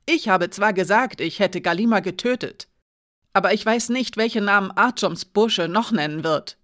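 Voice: mid-range voice, normal speed, lightly acted. A reader voicing Alina, a shaken young woman warrior. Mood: urgent. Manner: urgent, then quiet and defeated. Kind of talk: audiobook character reading.

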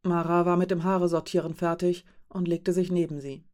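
A woman reading a novel aloud in calm, measured narration. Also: lowish voice. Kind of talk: scripted audiobook narration.

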